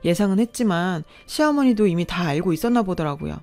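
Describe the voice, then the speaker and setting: A woman narrating a scripted story of betrayal in a steady, aggrieved tone. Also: lowish voice, fast. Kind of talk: scripted radio drama narration. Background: faint background music.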